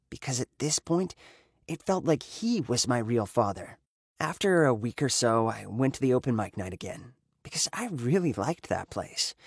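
Husky-voiced young man narrating a story. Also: mid-range voice, no room sound, studio quality. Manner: emotive storytelling, voice rising on dramatic moments. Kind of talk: scripted first-person story narration.

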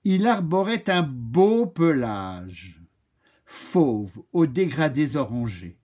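A man reading a children's story aloud in a slow, expressive way. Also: fairly high pitch.

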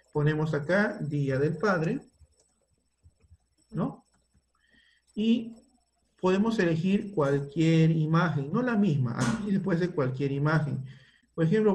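A man's voice: on the high side, a little mellow. A man teaching a primary school computer class over a video call, patiently thinking aloud as he works on the screen, with a Peruvian Spanish accent. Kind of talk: online class, guiding a word-processing task.

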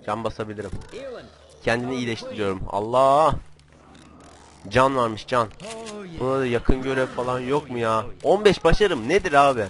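A young man giving casual, joking commentary while playing a video game, with frequent swearing and sudden excited outbursts. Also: mid-range voice, brisk, crowd noise. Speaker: gamer.

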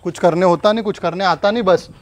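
A man's voice: sits high, fairly even intonation, fast talker, crowd noise. A man staging an angry argument at home, scolding and threatening someone. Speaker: prankster husband.

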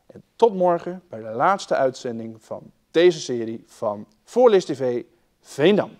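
A man with a Dutch accent reading a children's story aloud, raising and dropping his voice for the children's lines. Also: unhurried. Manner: lively, shifts loudness and pitch for the children's lines.

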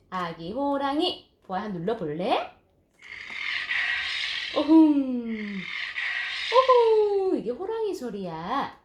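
A young mother reads a picture book to her baby in high, sing-song baby talk that leaps all over the place. She draws her words out slowly and coos and exclaims often. The room is echoey, and clear toy and household noise sits behind her. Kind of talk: reading a picture book aloud to an infant.

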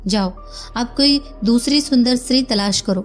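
A woman voicing a grief-stricken, volatile male professor who shouts through tears. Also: normal speed, soft background music, natural voice. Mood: distraught. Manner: shouting, tearful, raised pitch.

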